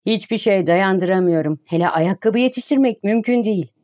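A woman's voice: mid-range voice, moderate pace, darkish tone, close to an everyday voice. A woman reading the lines of a modest, caring landlady in an audiobook, plain and chatty. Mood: homely.

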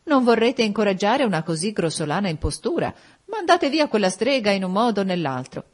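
A woman's voice: medium pitch, big pitch swings, brisk, pitched above the performer's own voice. A woman reading an audiobook voicing a disdainful older aristocratic lady. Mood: scornful. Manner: scornful.

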